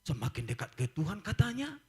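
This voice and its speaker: Animated preacher man. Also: high-pitched, fast talker, husky. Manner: animated preaching, acts out quoted voices, laughs. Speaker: pastor. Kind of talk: lively sermon.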